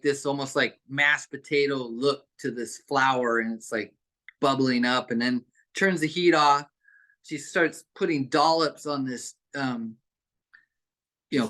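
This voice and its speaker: A man's voice: mid-range voice, bright, forceful tone. A man casually telling a childhood story on a video call, rambling, with many fillers and restarts. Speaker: group participant.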